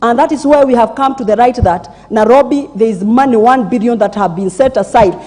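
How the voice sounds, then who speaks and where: A woman's voice: on the high side, brisk, warm tone. A woman with a Kenyan accent speaking as a member of parliament, protesting insistently and repeating herself. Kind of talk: parliamentary floor debate. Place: large parliamentary chamber. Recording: reverberant large hall.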